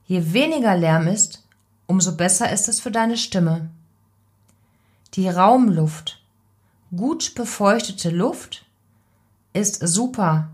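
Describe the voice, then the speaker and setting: A woman voice coach giving calm, deliberate advice in an instructional podcast. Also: medium pitch.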